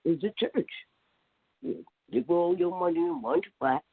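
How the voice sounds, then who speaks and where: A man calling in to a radio show, mumbling rambling remarks over a muffled, bass-heavy phone line that keeps breaking up. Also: lively intonation, moderate pace, breathy edge, dry recording. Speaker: caller. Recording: muffled tinny phone line, far from mic.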